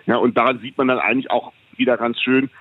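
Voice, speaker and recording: A man, an economist guest, giving measured, explanatory interview answers with frequent hesitations. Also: mid-range voice, fairly even intonation, no echo. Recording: tinny phone line, dry.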